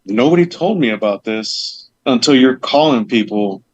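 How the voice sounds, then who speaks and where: A man's voice: medium pitch, lively intonation, normal speed, dry recording. Chatty man on dull lo-fi audio. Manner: chatty, rambling, acts out conversations. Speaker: guest, meadery owner. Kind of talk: casual podcast interview.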